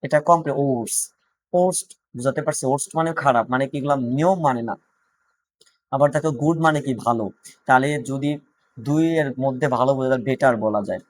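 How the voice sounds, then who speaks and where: A man's voice: mid-range voice, moderate pace, no echo. A man with a Bangladeshi Bengali accent teaching an English grammar class, repeating points and asking students check questions.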